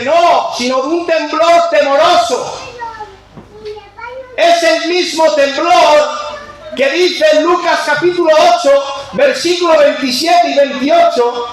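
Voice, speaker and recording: A man preaching a sermon with passion, swinging between shouted lines and low, intense ones and repeating key phrases. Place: church sanctuary. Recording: very echoey church hall.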